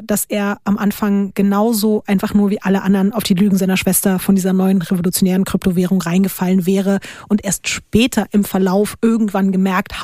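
A woman's voice: mid-range voice, a little mellow, no echo, clean studio sound. A young woman hosting a podcast, telling a true crime story in casual, colloquial chat and laughing often.

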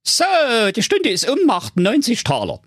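Storybook owl: man doing a high, husky, smug doctor voice. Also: huge pitch swings, a little fast, a bit bright, no room sound, clean studio sound, heavily acted. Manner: fussy and patronizing. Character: smug, know-it-all owl psychologist.

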